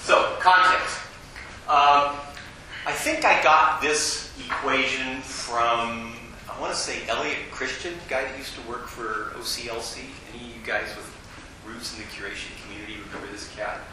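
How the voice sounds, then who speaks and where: A man giving a casual, joking classroom lecture at a fast clip, recorded in a lecture hall. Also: mid-range voice, fairly even intonation, background noise. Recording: echoey hall, distant mic.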